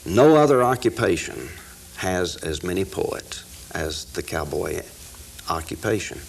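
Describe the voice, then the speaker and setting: A man from the United States speaking as an interview guest in a deliberate, folksy storytelling way. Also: low-pitched, animated, gravelly, a little hiss or hum, rough recording. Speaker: interview guest, cowboy poetry expert. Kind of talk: informal interview talk with recited verse.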